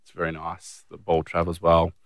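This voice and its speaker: A young Australian man chats on a podcast with a very low, steady voice. He teases dryly but turns earnest when he means it. The sound is close and dry. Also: normal speed, no echo. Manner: dry teasing, earnest at times. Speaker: podcast co-host, footballer. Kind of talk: casual podcast chat.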